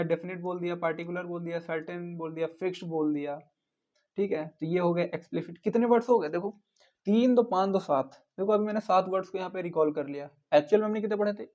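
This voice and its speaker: A man teaching a vocabulary lesson for exam prep, listing synonyms in quick runs and throwing in jokey memory tricks. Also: high voice, darkish tone, muffled recording.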